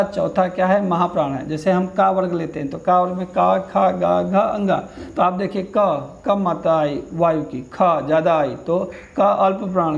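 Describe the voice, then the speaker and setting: Male teacher, exam-prep lesson, question then repeated answer, patient, raised pitch, rough fry. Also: dull audio. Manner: steady, patient explaining.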